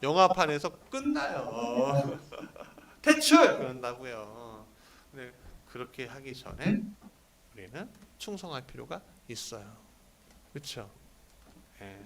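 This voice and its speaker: A male pastor preaching a sermon, animated and full of rhetorical questions to his congregation. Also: medium pitch, slow, crowd noise. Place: church hall at a prayer meeting. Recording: echoey church hall, mic at a distance, congregation audible.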